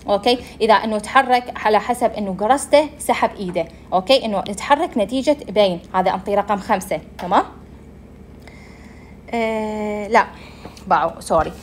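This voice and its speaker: A woman's voice: medium pitch, brisk, slight background noise. A young woman with an Iraqi Arabic accent giving a medical lecture, explaining step by step and answering her own questions.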